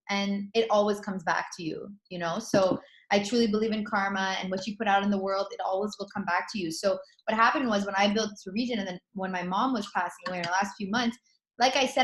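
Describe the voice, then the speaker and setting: Woman telling a heartfelt story, sincere, normal pitch, roomy echo. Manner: earnest, heartfelt. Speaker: network marketing consultant. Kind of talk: personal testimony in conversation. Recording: echoey room.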